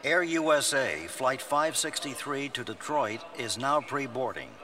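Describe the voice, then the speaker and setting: A man's voice: mid-range voice, expressive, unhurried, pushed and bright. A man voicing a formal, courteous airline pre-boarding announcer in a scripted airport announcement. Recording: distant mic.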